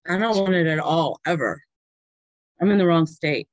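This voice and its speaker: A woman in her thirties joking in an animated way as a panelist on a video call from a basement. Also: fairly low pitch, normal speed, no room sound. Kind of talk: casual video-call chat.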